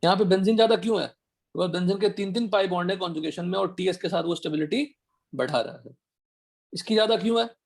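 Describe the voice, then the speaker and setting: A man teaching an online chemistry class, firing quick questions at his students to check they follow. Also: sits high, gravelly. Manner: quizzing students with rapid questions. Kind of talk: online chemistry class, Hindi mixed with English.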